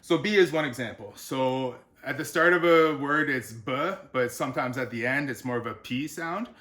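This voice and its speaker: Male author, mid-pitched, casual pronunciation tutorial, slow syllable-by-syllable sounding out. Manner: sounds words out slowly, syllable by syllable; relaxed, explanatory, with frequent fillers. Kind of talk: unscripted pronunciation lesson.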